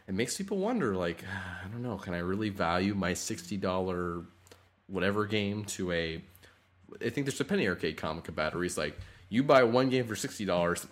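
Low-voiced man chatting in an echoey room. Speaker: podcast host. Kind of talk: casual gaming podcast chat. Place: room at home.

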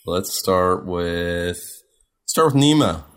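A man's voice: deep voice, animated, takes it slowly, fairly bright tone, clean tone. A man hosting a casual podcast, easygoing and chuckling as he steers the introductions and keeps the chat moving. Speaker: podcast host.

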